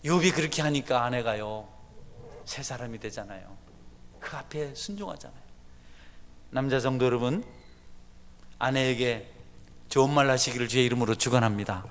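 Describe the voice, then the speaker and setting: A middle-aged man preaching a sermon as a pastor, swinging from hushed, confiding asides to loud, fervent exhortation. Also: medium pitch, lively intonation, normal speed, long pauses. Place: church sanctuary. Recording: church sanctuary with long reverb.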